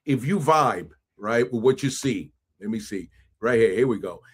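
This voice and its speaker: New guy hosting a podcast, all hyped up, keeps saying "right?", middle pitch. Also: moderate pace, slightly rough. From New York City. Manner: energetic, hype, peppers speech with Spanish phrases and "right?". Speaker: podcast host. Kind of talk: animated podcast intro and interview.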